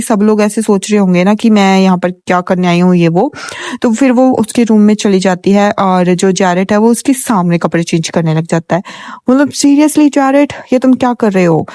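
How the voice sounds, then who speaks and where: A woman's voice: mid-range voice, mellow, dry recording, studio quality. Chatty young woman retelling a drama. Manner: chatty, filler-heavy, voices characters' quotes plainly. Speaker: story recap narrator. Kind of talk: casual Hindi retelling of a drama.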